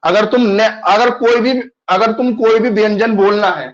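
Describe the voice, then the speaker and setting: High-voiced male teacher, patient. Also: moderate pace, lo-fi sound. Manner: patient, repeats questions to students. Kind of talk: online class lesson.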